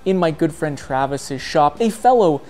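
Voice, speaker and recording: A man's voice: on the high side, moderate pace, a little hiss or hum. A man in his thirties, a diesel mechanic, talking energetically in a vlog from a truck repair shop. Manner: energetic, emphatic, talks with his hands. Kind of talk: explanatory vlog talk.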